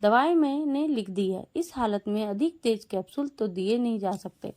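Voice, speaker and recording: A woman voicing a calm male doctor in a told story, giving instructions plainly. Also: a little high, moderate pace, close to an everyday voice. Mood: matter-of-fact.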